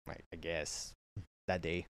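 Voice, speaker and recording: A man's voice: deep voice, flat delivery, a little slow, fairly bright tone, smooth. A man co-hosting a podcast in casual chat, chiming in with crude wisecracks and short replies. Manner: joking, chimes in with crude wisecracks and laughs. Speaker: podcast co-host.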